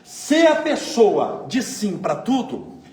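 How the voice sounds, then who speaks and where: A man from São giving a spiritist lecture, telling everyday stories and asking his audience rhetorical questions in a conversational, lively way. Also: sits high, takes it slowly. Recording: echoey room, faint ambient noise.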